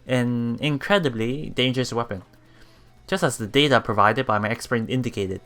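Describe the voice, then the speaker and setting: For a let's play, a man reads a visual novel aloud in a slightly bright, medium-pitched voice, backed by game music. The reading is halting, with words stumbled over and repeated, plus his personal reactions.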